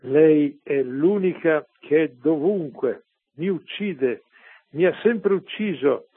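A man's voice: on the high side, slow, husky, no echo. A man voicing a tormented male demon who cries out in anguish during an exorcism, repeating its words, over a tinny phone-like radio broadcast.

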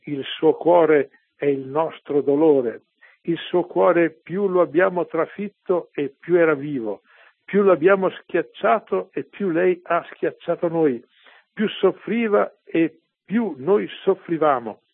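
A man's voice: a little high, takes it slowly, gravelly, slightly rough, no room sound, exaggerated voice. A man quoting a tormented demon's cries. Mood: anguished. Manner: anguished, repeating its cries. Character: tormented male demon crying out in an exorcism. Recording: tinny phone-like radio broadcast.

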